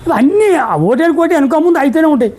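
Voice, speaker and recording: A woman's voice: high voice, animated, fast talker, darkish tone, low-quality recording. A middle-aged woman with a Telangana Telugu accent giving a motivational sales seminar talk, firing rhetorical questions and acting out little dialogues.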